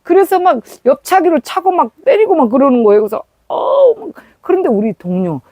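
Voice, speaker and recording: A woman's voice: high voice, big pitch swings, brisk, no room sound, dull audio. A woman preaching a sermon through a personal story, acting out the scenes as she tells them.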